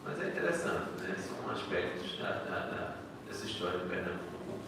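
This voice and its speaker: A man's voice: sits low, very animated, moderate pace. A man, a history professor speaking informally at a panel, enthusiastic and conversational, often restarting his sentences. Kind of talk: informal academic talk at a panel. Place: lecture hall. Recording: echoey hall, distant mic, background noise.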